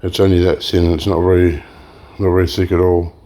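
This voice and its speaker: Briskly and in a low, mellow voice, an e-waste recycling channel host gives a casual hands-on demo. He stays relaxed, talking through his work with frequent fillers and restarts, sounding slightly hoarse and clearing his throat.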